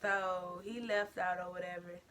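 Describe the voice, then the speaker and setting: A young woman telling a storytime vlog story in an animated, slangy way, talking straight to her viewers. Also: on the low side, a little slow, slight background noise. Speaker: vlogger.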